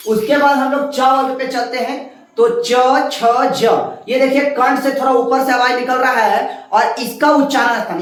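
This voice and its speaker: A woman teacher explaining a lesson patiently, step by step, sounding out letters slowly at a writing board. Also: high voice, far from the mic. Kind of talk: classroom lesson. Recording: very echoey room, voice off-mic.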